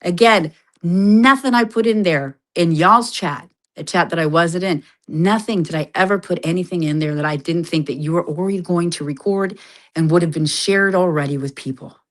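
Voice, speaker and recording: A woman's voice: fairly low pitch, normal speed. A woman in a confrontational, sweary argument on a live stream, repeating words for emphasis.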